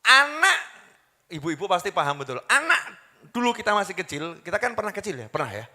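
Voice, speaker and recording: A male preacher, giving an animated sermon that quizzes the audience and acts out the people he quotes. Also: sits high, very fast. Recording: long hall reverb.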